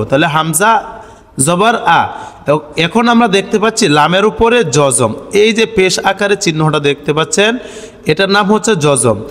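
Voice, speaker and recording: A man's voice: high-pitched, a bit bright, in a large hall. Man chanting a Quran spelling lesson. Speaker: Quran reading teacher.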